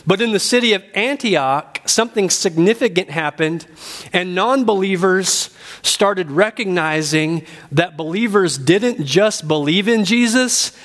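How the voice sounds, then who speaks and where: A man's voice: high-pitched, fairly bright tone. A man preaching a sermon as a pastor, addressing his listeners directly and repeating key phrases for emphasis. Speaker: pastor teaching a congregation.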